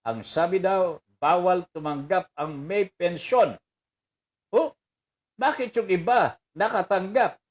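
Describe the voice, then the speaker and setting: An older Filipino man with a high voice hosts a radio show, reading out viewer messages in slow, chatty commentary. He laughs often and slips English phrases into his casual on-air talk.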